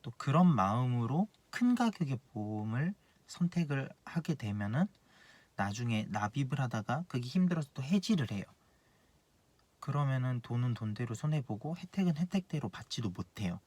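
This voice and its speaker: With big swings in pitch and a moderate pace, this insurance planner in his late twenties hammers his advice home through repetition. His darkish voice, otherwise ordinary in pitch, comes through dry in a blunt, earnest one-person video talk.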